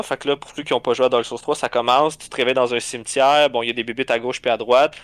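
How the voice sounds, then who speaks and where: A man with a Québécois accent telling an animated story in casual chat, swearing often and acting out the scenes. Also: mid-range voice, no room sound. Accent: Québécois French.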